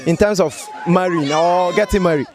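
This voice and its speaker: High-voiced Ghanaian man explaining emphatically. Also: normal speed. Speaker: street interviewee. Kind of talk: casual opinion giving. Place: outdoors on a street. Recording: outdoor street with faint music.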